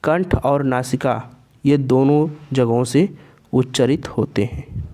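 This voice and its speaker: A man's voice: medium pitch, mellow. A man teaching a Sanskrit pronunciation lesson, carefully sounding out each letter aloud for learners. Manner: slow and deliberate, repeats each sound aloud to demonstrate. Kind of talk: explaining a grammar lesson.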